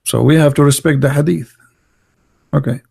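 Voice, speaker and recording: Hosting a live religious debate podcast, a middle-aged man speaks with mocking sarcasm in broken English with a heavy accent. His voice is a little high, husky, creaky and slightly mellow, steady in tone at a moderate pace.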